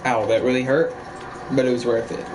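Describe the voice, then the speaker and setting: A man's voice: medium pitch, level tone, fairly quick, background noise. A man streaming a game with casual commentary, rambling as he thinks aloud. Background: loud game music.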